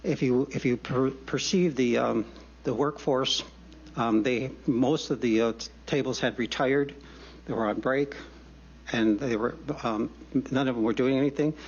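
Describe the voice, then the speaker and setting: A man giving testimony at a public hearing, out of breath and halting, with many fillers and restarts. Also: mid-range voice, steady tone, breathy edge. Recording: dull lo-fi hearing room audio.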